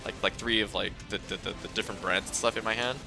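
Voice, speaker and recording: A man's voice: fairly low pitch, steady tone, fast, creaky, over music. A young man streaming, telling a casual story in a rambling way, swearing and laughing a lot.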